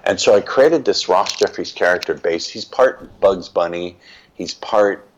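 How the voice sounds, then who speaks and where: A man's voice: low voice, measured pace, lo-fi sound, a little hiss or hum. An older man, a guest in an interview, telling stories from his life in a reflective, emphatic way. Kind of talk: reflective storytelling.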